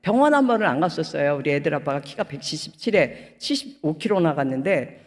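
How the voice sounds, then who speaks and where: A woman's voice: deep voice, a little fast. Fervent woman pastor, echoing hall. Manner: animated storytelling, acting out quoted dialogue; emotional, rising to fervent outbursts. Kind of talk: testimony sermon at a prayer retreat. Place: prayer retreat hall. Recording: long reverb of a large hall.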